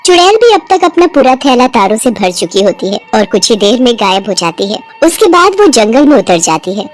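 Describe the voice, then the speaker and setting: A woman narrating a cartoon story, her voice set a little high and swinging in pitch as she tells it. She keeps an expressive storyteller's lilt over soft background music. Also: brisk.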